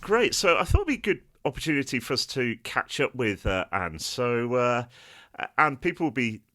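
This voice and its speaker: A man's voice: mid-range voice, very animated, moderate pace, pushed and bright. A man hosting a podcast over a video call, talking in a friendly, casual way with lots of "uh" fillers. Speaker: podcast host.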